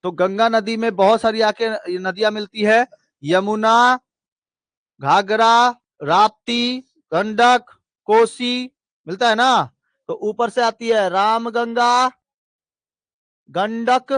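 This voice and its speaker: A man's voice: high-pitched, a bit bright, no room sound. A man teaching a geography lesson, running through lists in a sing-song chant and asking checking questions. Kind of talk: classroom lesson with drilling repetition.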